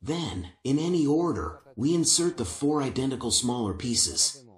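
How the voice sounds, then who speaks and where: An older man explains each step of assembling a wooden piece in a calm, methodical way. His voice sits in a middle register and carries a noticeable room echo from the workshop around him. He speaks on a lapel mic. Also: medium pitch, moderate pace. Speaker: woodworking instructor. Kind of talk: step-by-step craft instruction. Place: indoor woodworking workshop.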